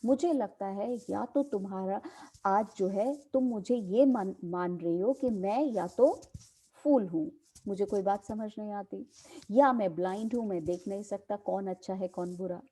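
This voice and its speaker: A woman teacher from India explaining a play in a relaxed, homely classroom style. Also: medium pitch, a little slow, low-quality recording. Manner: explains in mixed Hindi and English, addresses students as beta. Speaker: English teacher.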